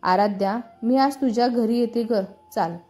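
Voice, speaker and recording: A woman voicing a kind young woman friend who calms and advises her colleague. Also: a little high, normal speed, faint music behind, natural voice. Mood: soothing. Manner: calming, friendly advice.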